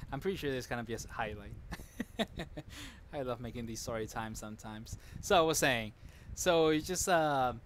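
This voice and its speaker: A man at mid pitch spins a loose, rambling story on stream, chuckling between sentences. He restarts and fixes his words as he talks and answers chat along the way. A faint noise hums behind him. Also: expressive, normal speed, long pauses, fairly bright tone. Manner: chatty, laughs often, restarts and corrects himself.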